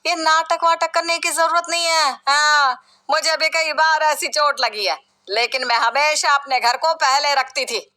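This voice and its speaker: Woman doing a bossy mother-in-law, sharp and scornful, bright high voice. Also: steady tone, a little slow. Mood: scolding. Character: harsh scolding middle-aged mother-in-law.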